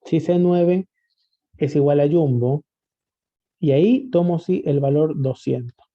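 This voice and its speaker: Patient teacher, dull lo-fi sound. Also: male voice, fairly high pitch. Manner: patient, asks rhetorical questions, checks understanding often. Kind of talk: spreadsheet tutorial lesson. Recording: dull lo-fi recording.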